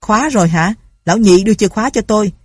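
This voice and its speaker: A woman's voice: mid-range voice, rapid-fire, a little mellow, husky, no echo, voice pushed up, lightly acted. A woman voicing a headstrong young man who speaks urgently and defiantly. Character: headstrong young man, landlord's lovesick son.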